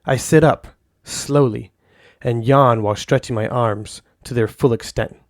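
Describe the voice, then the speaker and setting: A man narrating a first-person audio story in a calm, soft-spoken way. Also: mid-range voice, unhurried, no echo, studio quality.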